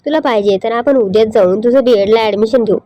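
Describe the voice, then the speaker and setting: A woman reading the lines of a gentle young husband who earnestly apologizes and pleads with his wife. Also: on the high side, fast talker, natural voice.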